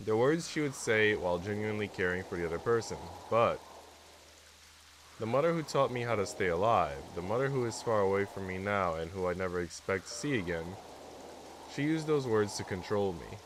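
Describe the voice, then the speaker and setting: Streaming a visual novel while stuffed up with a cold, a man reads the narration and then wanders off into slangy, casual rambling. He talks a little fast with a lowish voice and lively intonation, and there's noise in the background.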